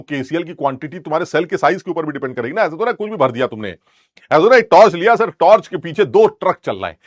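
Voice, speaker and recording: Brief: young man, chemistry teacher, rambling and teasing, voice a bit high, dry close sound. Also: no echo. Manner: rambling, joking, scolds students playfully. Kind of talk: lecture with teasing asides.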